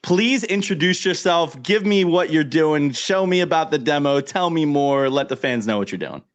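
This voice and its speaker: Lively New Jersey man hosting a stream. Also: on the high side, normal speed. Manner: playful, joking, hypes up guests. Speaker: livestream host. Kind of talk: casual livestream hosting.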